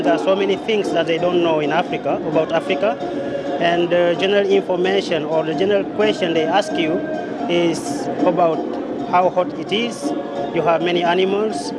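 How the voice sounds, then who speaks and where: A man in his thirties with a Senegalese accent, answering interview questions off the cuff with frequent fillers. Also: high voice. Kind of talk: spontaneous event interview. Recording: very noisy event with street-like background.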